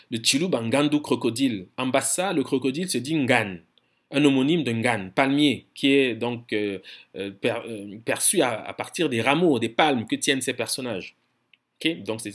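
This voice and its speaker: A man of middling pitch lectures in a measured, scholarly way. He stumbles and repeats short words as he searches for the next phrase, then states his points firmly. He drags out foreign terms slowly to spell them out. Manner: firm, insistent explaining tone.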